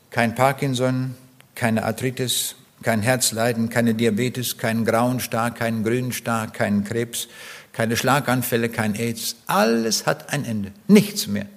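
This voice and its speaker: An older man preaching a sermon in an earnest, emphatic way, building long lists with pauses. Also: mid-range voice.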